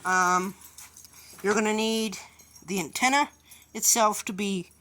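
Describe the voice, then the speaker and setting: Hosting a DIY tutorial video, a woman walks through each step in a casual, hands-on way, sounding informal and a little hesitant. Her mid-range voice is slightly bright, and she speaks slowly.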